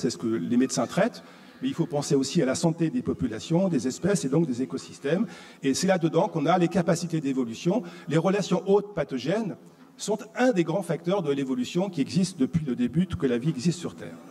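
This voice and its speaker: A French conference speaker delivers an explanatory public lecture in a fairly high, warm voice. He teaches didactically, pacing himself with rhetorical questions, and the reverberant conference hall adds long reverb.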